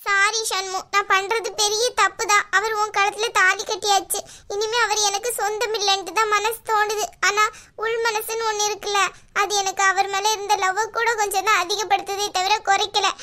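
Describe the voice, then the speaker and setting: A woman's voice: extremely high pitch, flat delivery, moderate pace, pushed and bright. A woman voicing a jealous, tearful young woman in a cartoon, complaining and pleading. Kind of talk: cartoon voice acting.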